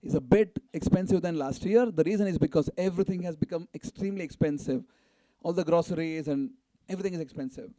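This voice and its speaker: Speaking live to a temple gathering, this event announcer urges people on with fundraising calls and prompts for their response. He's quick, barely pausing, with a warm voice on the high side. No echo is heard.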